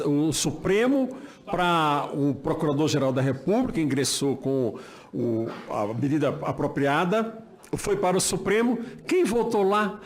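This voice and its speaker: An older Brazilian man giving an impassioned political speech, emphatic, with rhetorical questions and repeated phrases. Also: high-pitched. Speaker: speaker at a senate hearing, former judge.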